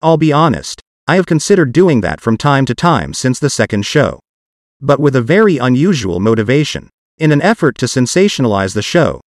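A man's computer-generated voice in the style of an old speech synthesizer hosts a podcast, reading scripted narration with even, machine-like articulation. His voice is mid-range, and the studio-quality recording is dry.

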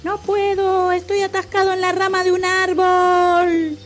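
A woman voicing a playful young male elephant who shouts and pleads in a high voice. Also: monotone, unhurried, soft background music. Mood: pleading shouts.

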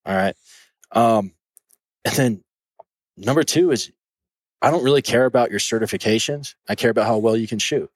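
A man's voice: mid-range voice, normal speed, pauses often, no echo. A man, a shooting instructor, talking earnestly in a casual podcast conversation, often restarting his words.

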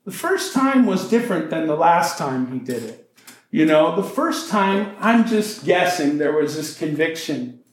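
A man's voice: on the high side, sing-song, a little slow, reverberant. A male pastor preaching a sermon in a conversational way, with joking asides.

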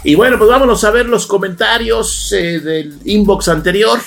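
A man's voice: high-pitched, moderate pace, vocal fry. A man, a tech video host chatting casually as he reads viewer comments aloud. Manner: chatty and conversational.

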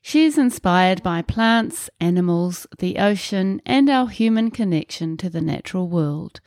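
A woman's voice: on the low side, measured pace, no echo. Woman hosting a podcast, dry and close. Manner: warm scripted introduction, then relaxed chat. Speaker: podcast host. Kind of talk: podcast interview.

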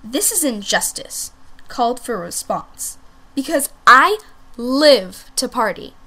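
Storybook role: woman playing a pampered diva French bulldog girl, five, theatrical, lively swoops, fairly high. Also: takes it slowly, heavily acted. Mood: sassy. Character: sassy pampered five-year-old female French bulldog.

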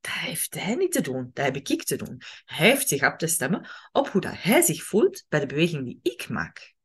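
A woman's voice: low-pitched, normal speed, husky. A woman with a Flemish accent hosting a casual podcast monologue, acting out inner dialogue and often checking in with the listener. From Belgium. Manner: lively, acts out inner dialogue, many tag questions. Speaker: podcast host, relationship coach.

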